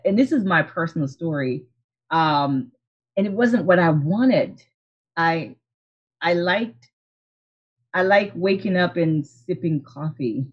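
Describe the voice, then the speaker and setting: Speaking slowly and pausing often, a woman with a fairly low, animated, slightly rough voice recounts her story, and the highs are cut off. She is a practice-owning optometrist from Haiti in her forties, a guest in a casual video-call interview. Her tone is earnest and reflective, dotted with restarts and soft laughs.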